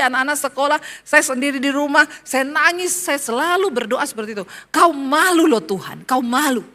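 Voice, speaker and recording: A middle-aged woman pastor preaching a sermon with passion, telling her own story and swinging from soft to loud. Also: high voice. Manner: impassioned preaching with personal testimony, swinging between soft and loud.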